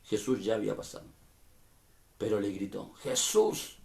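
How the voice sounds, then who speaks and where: A man preaching a sermon as pastor, swinging between emphatic bursts and quieter asides and often turning to question his listeners directly. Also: mid-range voice, expressive, measured pace.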